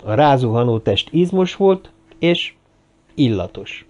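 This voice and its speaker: A man reading an adventure novel aloud as narrator, in a steady, measured storytelling manner. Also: medium pitch, highs cut off. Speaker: audiobook narrator. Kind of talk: scripted narration.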